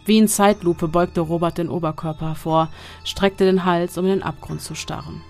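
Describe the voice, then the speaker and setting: Gravelly dark horror audiobook narrator. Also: mid-range voice, steady tone, moderate pace. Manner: dark and suspenseful. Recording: long reverb with faint music.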